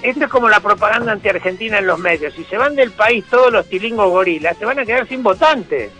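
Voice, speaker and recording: A man's voice: high-pitched, lively intonation, bright, forceful tone, faint music behind. A man with a Rioplatense accent hosting a satirical radio monologue, mocking and sarcastic. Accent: Rioplatense Spanish. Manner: mocking, sarcastic, rapid-fire jokes. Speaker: radio host and humorist.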